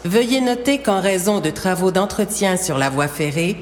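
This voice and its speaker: A woman's voice: medium pitch, animated, faint music behind. Woman making echoing airport-style announcements. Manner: formal, measured announcement delivery. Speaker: announcer in a French listening exercise. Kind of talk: scripted public-address announcements, like at an airport or train station. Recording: long hall reverb, faint background noise.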